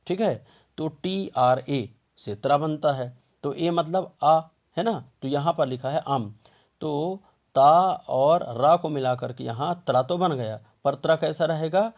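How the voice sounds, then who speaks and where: A man's voice: fairly high pitch, a little mellow, dull audio. A man teaching a Sanskrit grammar lesson step by step, patiently asking questions and answering them himself.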